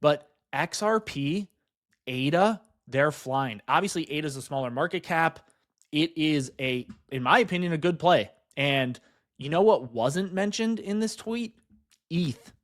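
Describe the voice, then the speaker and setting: Brief: excited male crypto commentator, slightly high voice, fast and chatty, leans on "guys" and "right?". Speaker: crypto investing YouTuber. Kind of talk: excited market commentary over charts.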